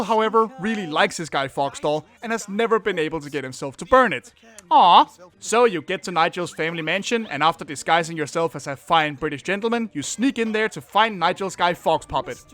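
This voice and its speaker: A man hosting a comedic retro game review, cracking jokes and breaking into exaggerated mock panic. His voice is high and bright, and his delivery stays energetic throughout. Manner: jokey, with exaggerated outbursts.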